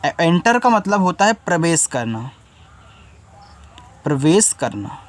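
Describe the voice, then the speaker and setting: A man teaching an English spelling lesson, patiently spelling each word out letter by letter and repeating each meaning twice. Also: sing-song. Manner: spells words out letter by letter slowly, then says the word lower and quieter.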